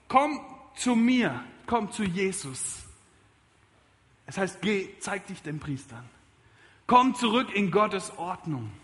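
A man preaching a sermon in church, emphatic and lively, moving between loud calls and quiet appeals. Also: high voice, big-room sound. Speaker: pastor. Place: church service.

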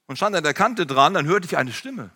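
A preacher voicing a quiet young woman recalling a jump. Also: sits low, expressive, a little fast, slightly rough, heavily acted. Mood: recounting.

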